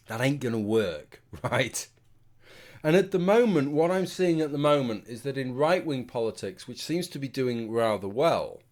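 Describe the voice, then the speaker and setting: A British man giving a casual, rambling opinion monologue to his viewers in a tipsy, sweary manner. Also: mid-range voice. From United Kingdom. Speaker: video commentator.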